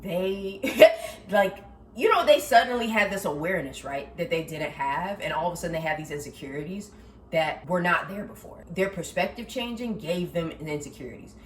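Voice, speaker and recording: A young woman in her twenties talking casually about faith and self-worth, lively, laughing often, with lots of slang and "like". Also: lowish voice, normal speed, distant mic. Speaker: vlogger. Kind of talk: casual faith talk to camera. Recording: roomy echo, slightly off mic, faint background hiss.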